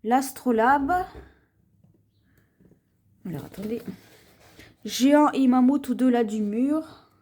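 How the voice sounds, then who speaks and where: This woman's voice is fairly high, dark in tone, with a breathy edge. In her show-and-tell haul vlog she speaks slowly and chattily, keeps pointing things out with frequent "voyez," and occasionally trips over words and restarts names.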